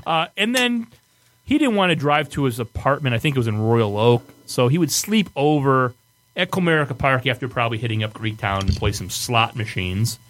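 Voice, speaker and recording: A man with a Michigan accent hosts a podcast, swapping stories in casual banter with a profane, exasperated edge. His voice sits at medium pitch, a bit bright, with lively intonation and a brisk delivery.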